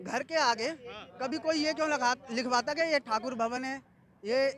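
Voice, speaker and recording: A man's voice: extremely high pitch, moderate pace, a crowd in the background. A man in a street debate who cuts in with pointed challenges. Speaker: debate participant.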